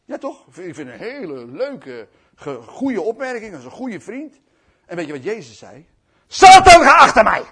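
A male preacher telling a Bible story in a lively, humorous way and speaking directly to the congregation. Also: a little high, normal speed, slightly rough. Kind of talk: sermon storytelling.

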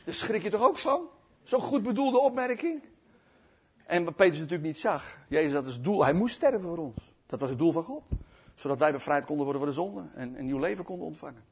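Male preacher, high-pitched and husky, humorous animated sermon storyteller. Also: fairly quick. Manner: animated, humorous, addresses the congregation directly.

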